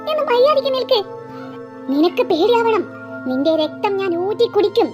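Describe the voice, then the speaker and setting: A woman voicing a vengeful, bloodthirsty female ghost in a cartoon, drawling her threats slowly. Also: very high-pitched, big pitch swings, over music. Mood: menacing. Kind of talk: cartoon voice acting.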